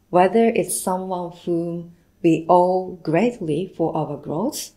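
Woman doing live interpreting at church service, measured and careful, lowish voice. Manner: slow, measured delivery with occasional self-corrections. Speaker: sermon interpreter. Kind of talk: live interpreting of a sermon into English.

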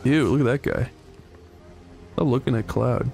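A man's voice: mid-range voice, unhurried, gravelly, a little mellow, soft background music. A man hosting a let's play with casual, teasing, sweary banter and mock insults.

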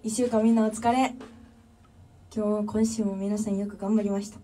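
A woman's voice: mid-range voice, little pitch movement, normal speed, mellow. Chatty young Kansai woman, distant mic. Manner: chatty and friendly, thanking viewers one by one. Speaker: drummer livestreamer. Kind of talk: casual livestream chat reading comments.

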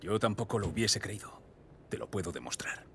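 An actor playing a weary middle-aged male survivor, speaking in a low, guarded, steady way in dubbed game dialogue. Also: a little fast, a little hiss or hum. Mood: tense. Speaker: game character.

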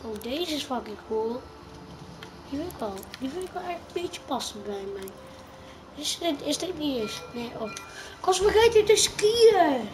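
A woman giving chatty, excitable gaming commentary, dropping English phrases and swearing as she plays. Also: high voice, measured pace, noisy background. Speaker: gaming YouTuber. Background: game music.

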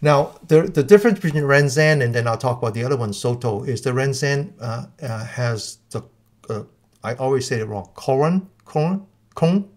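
A man with a voice who explains things at length in a live Q&A, halting and restarting often. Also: mid-range voice. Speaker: guest teacher.

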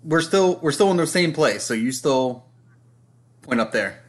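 A man's voice: fairly high pitch, expressive, measured pace. A man co-hosting a live boxing talk show, speaking casually with rambling explanations. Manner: rambling, many fillers and restarts. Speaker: podcast co-host.

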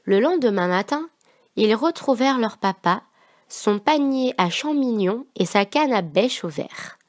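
A woman reads a children's picture book aloud to young listeners. Her reading is expressive and lively, and her voice sits a little high. The sound is close and dry. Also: unhurried, no echo.

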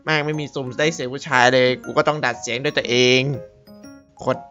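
A man's voice: medium pitch, fairly even intonation, a little fast, sharp tone, lo-fi sound, faint music behind. A man hosting a gaming channel, chatting casually while he plays, rambling, laughing and swearing now and then. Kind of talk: casual gameplay commentary.

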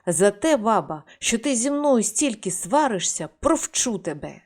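A woman's voice: fairly high pitch, very animated, a little slow. A woman voicing a good-hearted old peasant grandfather in a storybook, speaking plainly and earnestly.

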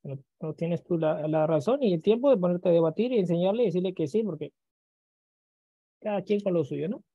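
A man's voice: sits high, lively intonation, brisk, dark tone, breathy edge, no echo, highs cut off. A male computer teacher in a screen-recorded lesson who keeps checking in with listeners and acts out students' questions, then answers them himself.

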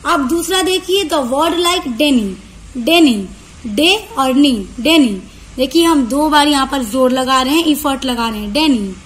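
A woman teacher, explaining a lesson to students. She reads definitions slowly, then explains them in quick, long runs. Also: high-pitched. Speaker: online tutor. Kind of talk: lecture for university students.

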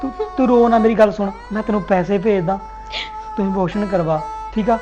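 A man's voice: sits high, brisk. A young man playing a fiancé who speaks in a soothing, protective way. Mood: reassuring. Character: young fiancé, caring and anxious. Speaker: groom-to-be. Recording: dull sound under loud music.

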